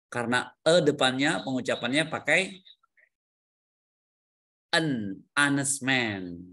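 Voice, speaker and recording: Over a video call, a man with a mid-range, slightly bright voice teaches English grammar to adult learners in an online class. He coaxes answers out of them, repeats those answers back, and mixes English words into his explanations.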